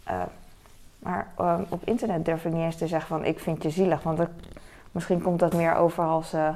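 A woman's voice: low-pitched, little pitch movement, a little fast, darkish tone. A young adult woman vlogging in casual chat, rambling with lots of fillers and asides. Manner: rambling, frequent fillers and "weet je wel".

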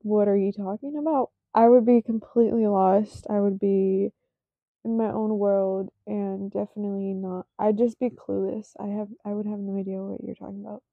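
Her voice is mid-range, level and gravelly, and the recording has no room sound, coming across dry and tinny like a phone. She is a woman in her twenties hosting a casual solo podcast, rambling slowly and self-consciously with plenty of fillers while yawning sleepily.

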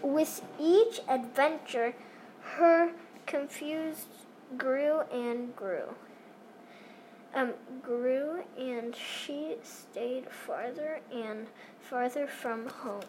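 A prim alien woman tells a spooky tale in a high voice, as a woman reads her part. The reading is very slow and keeps stopping for pauses, with faint room noise behind it. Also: a little mellow. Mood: storytelling. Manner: halting, pausing reader. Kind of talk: fan comic reading.

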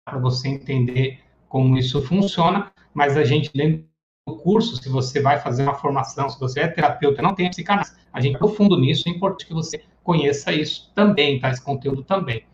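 A man's voice: fairly high pitch, fairly quick. A man teaching psychoanalysis in a live online lecture. He talks in a casual, chatty way and acts out everyday examples. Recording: echoey room, dull lo-fi sound.

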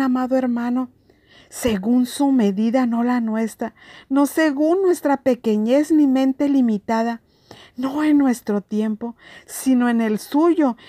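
Female preacher, high and unhurried, earnest sermon, dry close sound. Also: dark tone, dry recording. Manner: earnest, emphatic preaching with scripture readings. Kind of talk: devotional sermon.

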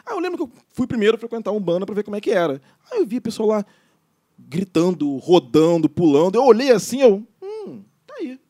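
Animated, fast-talking Brazilian man. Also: sits high. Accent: Brazilian Portuguese. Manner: animated storyteller, laughs often. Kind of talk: casual chat.

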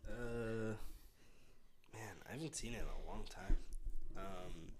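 A man's voice: lowish voice, slow, noisy background. A young man co-hosting a podcast, rambling and hesitant with many ums in casual chat. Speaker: podcast co-host.

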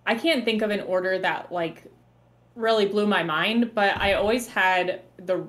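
A woman guesting on a podcast, chatting in a relaxed way and pausing often to search for words. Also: medium pitch. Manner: relaxed, halting with fillers. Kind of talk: casual chat.

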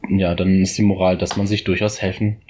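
A man's voice: low-pitched, little pitch movement, fairly quick, darkish tone, slight background noise. A man co-hosting a casual podcast chat, joking and rambling in playful asides. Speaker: podcast co-host.

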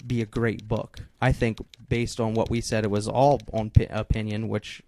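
A man's voice: lowish voice, level tone, moderate pace, darkish tone. A man co-hosting a casual podcast, hesitantly thinking aloud and restarting his sentences. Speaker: podcast co-host. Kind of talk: casual chat.

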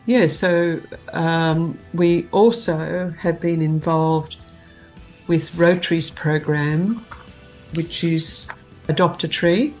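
An Australian woman giving measured, explanatory answers as a volunteer guest in a conversational interview. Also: low-pitched, a little mellow, faint music behind, low-quality recording.

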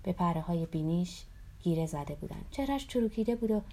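A woman narrating a memoir aloud in a calm, somber storytelling voice, sometimes dropping to a whisper. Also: on the low side.

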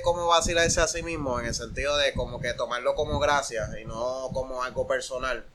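A young man, calmly making points with asides in a casual chat. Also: mid-range voice, fairly quick, over a noisy crowd.

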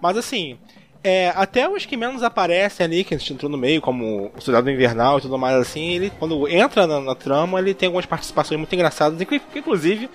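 Man, high-pitched voice, Brazilian accent, casual podcast host, slangy, emphatic, sweary film talk. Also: lively intonation, fast.

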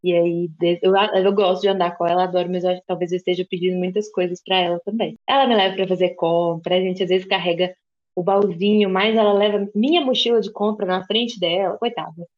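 A woman's voice: lowish voice, steady tone, fairly quick, a little mellow, lo-fi sound. A woman from the interior of Minas Gerais with a Minas Gerais accent, co-hosting a podcast and telling stories in a chatty, rambling way. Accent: Minas Gerais Portuguese. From interior of Minas Gerais, Brazil. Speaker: podcast co-host. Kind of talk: casual chat.

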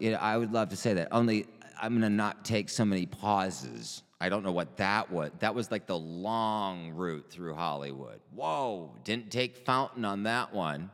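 A man talking in a casual, rambling monologue, halting and full of pauses and restarts, chatty and a bit profane. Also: fairly low pitch. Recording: long reverberant hall echo.

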